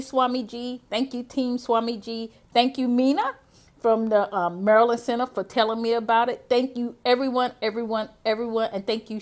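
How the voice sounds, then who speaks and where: A woman telling a personal story to camera in an excited, gushing way, laughing often and exclaiming as she goes. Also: fairly high pitch. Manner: gushing, breathless enthusiasm, laughs often, repeats "oh my gosh". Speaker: vlogger sharing a personal testimonial.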